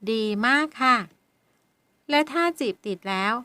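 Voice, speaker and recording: A woman reading a playful young woman teasing her older brother, polite and bright. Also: sits high, expressive, unhurried, dry recording, pitched above the performer's own voice, full character voice. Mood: bossy.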